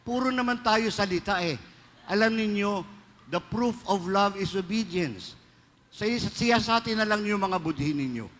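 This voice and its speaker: Joking Filipino priest in an echoing church. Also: male voice, high voice, a bit bright, a little hiss or hum. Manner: joking, storytelling homily mixing Filipino and English. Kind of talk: sermon. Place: large church. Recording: reverberant church hall, faint ambience.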